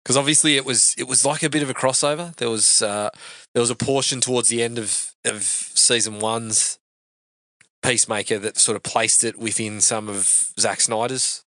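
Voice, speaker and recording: Man, relaxed chatty co-host, bright voice, dry studio. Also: mid-range voice, normal speed, dry recording. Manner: laid-back, chatty, laughing. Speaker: podcast co-host. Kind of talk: casual movie commentary.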